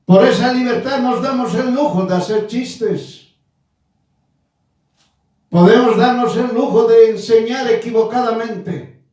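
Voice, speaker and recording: Man in his nineties, sermon, emphatic repetition, high-pitched, distant echoey recording. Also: a little mellow. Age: 90s. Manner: slow, emphatic, repeating phrases. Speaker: preacher. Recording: echoey room from far off.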